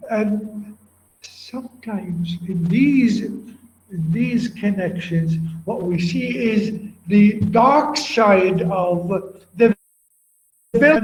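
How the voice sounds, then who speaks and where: A male university lecturer with an Iraqi accent and Arabic as his first language talks through a poem in a high-pitched, slow, repetitive way, pausing to quiz students by name. The recording is dull and lo-fi, captured in an echoey classroom. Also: a little mellow.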